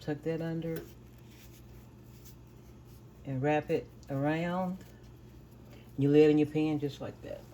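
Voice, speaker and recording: A woman's voice: deep voice, fairly even intonation, slow, long pauses, warm tone, lo-fi sound, slight background noise. A middle-aged woman hosting a home cooking video, firmly telling her dogs to stop barking and then explaining each step plainly. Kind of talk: casual cooking demonstration. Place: home kitchen with dogs nearby.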